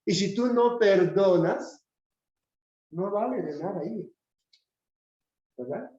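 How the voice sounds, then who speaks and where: A man with a Peruvian Spanish accent leading a Bible study in a church, reading scripture slowly and often checking in with his listeners. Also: high voice, expressive, mellow. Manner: reads scripture slowly and deliberately. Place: church hall. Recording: echoey, dull church recording.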